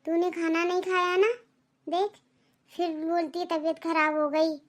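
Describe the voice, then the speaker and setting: A woman voicing a kind elder daughter-in-law in a cartoon, soft-spoken, sympathetic and a little troubled. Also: extremely high pitch, level tone, unhurried. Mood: caring. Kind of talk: Hindi cartoon voice acting.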